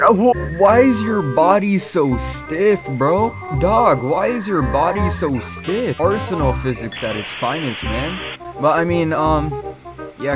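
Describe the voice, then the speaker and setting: A young male gaming creator talks casually at a medium pitch, with clear music playing behind him. His delivery is slangy and rambling, like chatting to his viewers while he plays. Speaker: gaming video creator and streamer. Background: background music.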